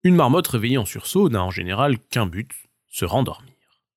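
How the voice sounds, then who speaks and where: A man narrating a children's bedtime story in a gentle, expressive and measured way. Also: medium pitch, dry recording, studio quality.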